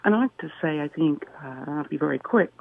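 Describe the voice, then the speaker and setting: A man calling in to a radio talk show over the phone, speaking earnestly and haltingly with frequent fillers. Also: a little high, lively intonation, vocal fry, no room sound. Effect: heard over a phone line. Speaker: radio call-in caller, school worker. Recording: muffled phone line.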